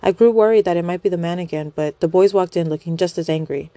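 A woman reading a first-person dramatic story in a measured, earnest way. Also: lowish voice, mellow, no echo.

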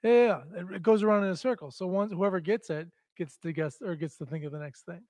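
A man's voice: high-pitched, fast, darkish tone, no room sound. A middle-aged man chatting and bantering casually as co-host of a talk show.

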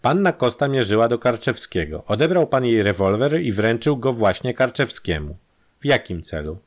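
A man voicing a calm, dry, persistent police detective who questions with pointed emphasis. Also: medium pitch, normal speed, pitched above the performer's own voice, lightly acted. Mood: probing.

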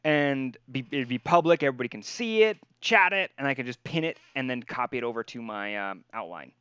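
A man's voice: medium pitch, expressive, brisk, sharp tone, clean tone, no room sound, lo-fi sound. A man hosting a podcast in casual chat, rambling, laughing and swearing casually. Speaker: podcast host.

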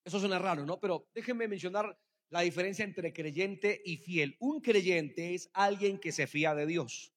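Male preacher, high register, lively delivery that drops soft then bursts loud, long church-hall reverb. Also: moderate pace. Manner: animated, calls out to the congregation, swings between soft and loud. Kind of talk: congregational sermon.

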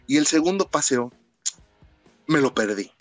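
His voice is fairly high and his pace measured as he recounts childhood tales with a Mexican accent, loose and slangy, voicing other people's lines with animation. Soft music plays under a dry recording.

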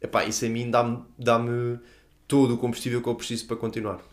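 A man's voice: mid-range voice, monotone, fast. A man with a European Portuguese accent explaining his views earnestly and informally in a casual podcast conversation, with slangy check-in tags. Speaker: podcast guest.

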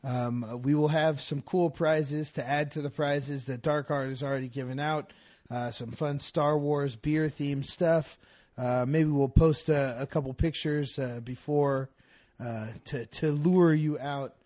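A man's voice: fairly high pitch, fairly even intonation, unhurried, darkish tone. A man co-hosting a casual podcast, bantering playfully with lots of fillers. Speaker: podcast co-host. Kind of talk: casual chat.

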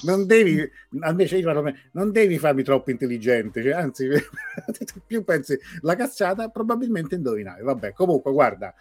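A man's voice: fairly high pitch, huge pitch swings, normal speed, a little mellow, slightly rough. A man with a Roman Italian accent hosts a live show with casual, jokey, rambling banter, putting on showy game-show-host flourishes and mocking himself.

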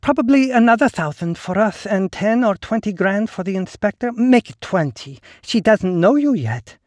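Brief: sly woman fixer, smooth and teasing, pitched well up, thin dry sound, put on by a male narrator. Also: lively intonation, normal speed, darkish tone, no echo. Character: sly elegant woman fixer, amused, worldly.

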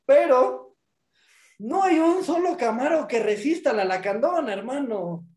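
A man's voice: very high voice, animated, unhurried, a little mellow, echoey room. A man with a Mexican accent co-hosting a casual, humorous film review, sardonic and mock-serious in his delivery. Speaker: co-host of a movie review show.

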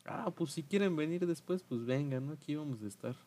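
A man's voice: on the high side, expressive, a little fast, mellow. A young man with a Mexican Spanish accent, hosting a podcast and telling a story in slangy casual chat, acting out quotes in raised voices.

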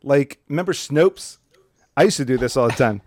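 A man's voice: mid-range voice, lively intonation, moderate pace, darkish tone, slight background noise. A man co-hosting a podcast in loose, profane, joking chat. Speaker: podcast co-host. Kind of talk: casual chat.

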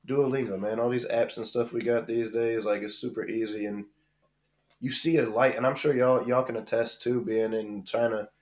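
An American man co-hosting a podcast, speaking in laid-back, fairly monotone casual chat. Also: mid-range voice, moderate pace. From United States. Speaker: podcast co-host.

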